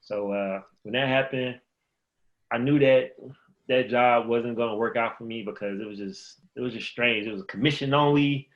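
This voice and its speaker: A man's voice: mid-range voice, normal speed, highs cut off. A man in his thirties from the Chicago area, a podcast guest telling a rambling story and acting out remembered conversations. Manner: rambling, acts out remembered dialogue. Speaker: podcast guest, former pro basketball player. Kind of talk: casual storytelling interview.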